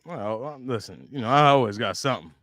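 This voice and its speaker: A man in a casual group chat, animated and blunt, joking and swearing with his friends. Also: medium pitch, brisk, dry recording, clean studio sound. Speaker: co-host and wrestling fan.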